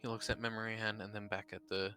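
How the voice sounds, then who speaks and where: A man improvising third-person narration as a tabletop role-play player, halting as he searches for words. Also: on the low side, little pitch movement, music in the background.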